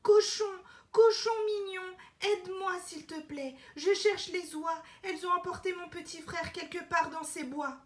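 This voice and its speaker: A woman voicing a desperate little girl in a storybook, pleading in a high urgent voice. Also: a little slow, hardly any pauses.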